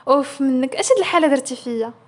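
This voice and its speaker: A woman with a Moroccan accent voicing a tender, teasing young husband in a hushed voice. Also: sits high, lively intonation, rapid-fire.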